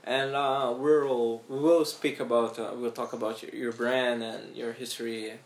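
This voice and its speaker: Gravelly guy hosting an interview, laid back, lots of uhs, roomy echo. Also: mid-range voice, a little slow. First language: Portuguese. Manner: relaxed, with many fillers and restarts. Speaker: interview host. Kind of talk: casual interview chat.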